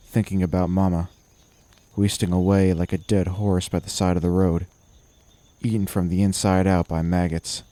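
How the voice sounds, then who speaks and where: A man narrating a horror audio story in first person, his voice deep and dark. His delivery is measured and gritty, and the sound is dry and close to the mic. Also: no echo.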